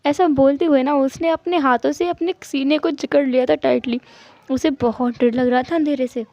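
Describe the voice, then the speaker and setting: A woman's voice: sits high, fairly even intonation, normal speed, mellow, dry recording. A woman narrating a fan-fiction story in a casual, chatty way, with asides to her listeners. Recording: muffled lo-fi recording.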